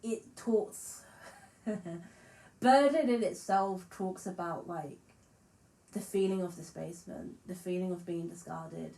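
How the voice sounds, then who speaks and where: A woman musician talks to camera in a loose, frank vlog style, swearing casually and poking fun at herself. Her voice sits a little low and carries a slight lisp. The room around her adds a noticeable echo. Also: takes it slowly, vocal fry, dark tone. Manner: frank, chatty, swears freely, self-deprecating. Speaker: musician vlogger.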